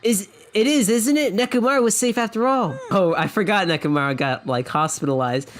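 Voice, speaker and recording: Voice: medium pitch, brisk. A streamer doing blind playthrough commentary, reading game dialogue aloud with sarcastic asides and laughs.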